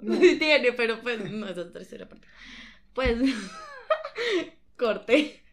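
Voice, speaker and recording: A young woman with a Colombian accent, telling a personal story in a giggly, animated way, full of slang. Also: on the high side, slow pace, noisy background. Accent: Colombian Spanish. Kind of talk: casual chat.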